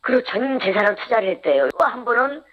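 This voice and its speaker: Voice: medium pitch, very animated. Anonymous interviewee with a disguised, altered voice. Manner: hesitant, halting, with many restarts. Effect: voice disguised with an electronic voice changer. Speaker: interviewed investment fraud victim. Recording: dull, lo-fi altered sound.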